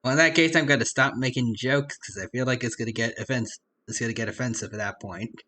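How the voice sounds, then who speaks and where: A man's voice: medium pitch, fairly even intonation, fast talker, pushed and bright, slight background noise. A man streaming a game, making casual joking comments and reading chat aloud. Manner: joking asides, reads chat. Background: faint game music.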